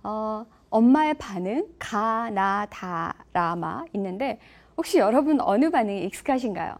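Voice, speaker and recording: A woman's voice: mid-range voice, expressive, unhurried. A middle-aged woman lecturing on levels of empathy, engaging listeners with questions. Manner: engaging, asks audience questions.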